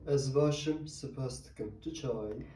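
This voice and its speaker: Brief: male teacher voicing a calm dialogue friend, dark tone, heard from off-mic. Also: medium pitch, takes it slowly, far from the mic, voice pushed down, close to an everyday voice, low-quality recording.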